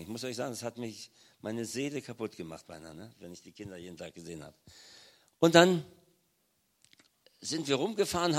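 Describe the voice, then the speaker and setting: Older man preaching with emotion. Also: mid-range voice. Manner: emotional storytelling, acts out pleading children softly. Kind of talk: sermon testimony.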